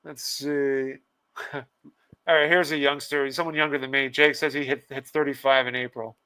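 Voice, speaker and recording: A man's voice: mid-range voice, little pitch movement, normal speed, pushed and bright, smooth. A man hosting a casual livestream podcast, laughing often and reading out viewers' comments. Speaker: podcast host.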